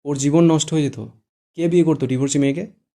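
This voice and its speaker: A man voicing a playful young man who teases and exclaims in quick quips, read as audiobook dialogue. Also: medium pitch, lightly acted. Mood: teasing. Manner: teasing, exclaiming, lively quips.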